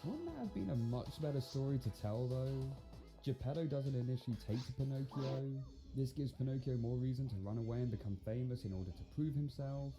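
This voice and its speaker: A man's voice: mid-range voice, fairly quick, rough recording. A man giving scripted film review commentary in a sarcastic, incredulous manner. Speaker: video commentator and film critic. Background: music.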